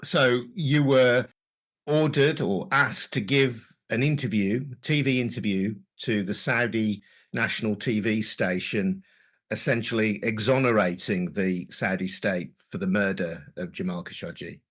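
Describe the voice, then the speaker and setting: A man hosting a news podcast, introducing the story and asking questions in a measured, journalistic way. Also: on the low side, fairly bright tone. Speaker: podcast host. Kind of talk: interview hosting.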